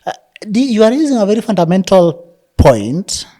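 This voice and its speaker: A woman co-hosting a political podcast, speaking in measured, rhetorical, speech-like phrases. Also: medium pitch, big pitch swings, mellow. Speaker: podcast co-host.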